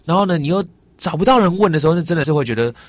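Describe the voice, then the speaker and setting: A man with a Taiwanese Mandarin accent chatting as a guest, telling travel stories in an animated way and acting out the exchanges he describes. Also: a little high, racing, no echo. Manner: animated storyteller, acts out quoted exchanges. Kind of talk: casual chat.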